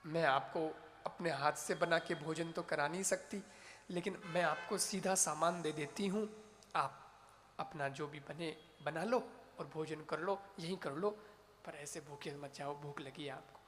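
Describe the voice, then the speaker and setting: A man voicing a soft-hearted woman who pleads gently, dropping lower and quieter. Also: a little slow. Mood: pleading. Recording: reverberant hall, faint noise.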